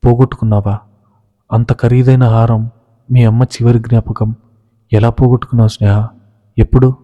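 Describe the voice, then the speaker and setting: A man's voice: medium pitch, flat delivery, moderate pace, close to an everyday voice. A man voicing a proud young husband who questions his wife with reproach. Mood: reproachful. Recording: reverberant, dull lo-fi recording.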